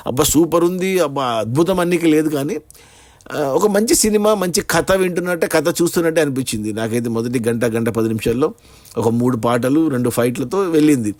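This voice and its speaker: A man's voice: fairly high pitch, a little mellow, no echo. A man giving a casual, rambling spoken film review, with frequent fillers and restarts.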